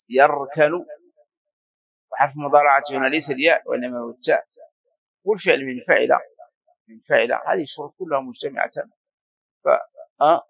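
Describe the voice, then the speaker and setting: A man's voice: mid-range voice, gravelly, no echo. A man teaching a classical Arabic grammar lesson, explaining patiently, repeating forms and prompting a student to continue. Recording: slightly dull lo-fi recording.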